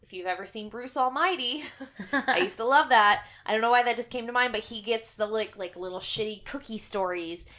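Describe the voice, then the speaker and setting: A woman's voice: fairly high pitch, fairly quick, sharp tone. A young woman co-hosting a podcast, chatting casually about a horror film and rambling with lots of fillers. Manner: rambling, heavy on 'um' and 'like'. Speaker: podcast co-host. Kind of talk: casual film review chat.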